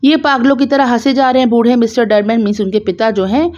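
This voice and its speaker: A woman's voice: on the high side, quick pace. Woman retelling a mystery, slightly muffled. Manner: relaxed retelling with explanatory asides. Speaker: storyteller. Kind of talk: conversational story summary.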